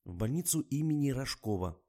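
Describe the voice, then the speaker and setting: A man's voice: medium pitch, expressive, a little fast, mellow, voice pushed up, natural voice. A man voicing a stern male ambulance doctor in an audiobook, speaking in an official, brusque, insistent way.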